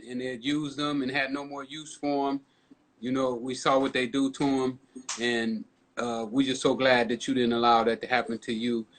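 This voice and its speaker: A man interviewing a guest over a video call, encouraging her and quick to laugh. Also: mid-range voice, a bit bright. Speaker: interviewer host. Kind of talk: casual interview.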